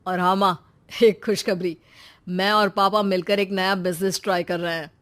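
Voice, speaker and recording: A woman's voice: mid-range voice, little pitch movement, moderate pace, fairly bright tone, close to an everyday voice. Lady doing a young guy, the trusting brother in a moral story, mild and earnest, explains himself. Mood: cheerful.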